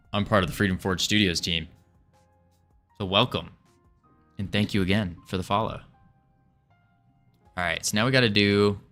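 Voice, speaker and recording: A man streaming his game development, chatting casually with viewers and thinking aloud as he works. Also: lowish voice. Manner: relaxed, chatty, greets viewers, muses while working.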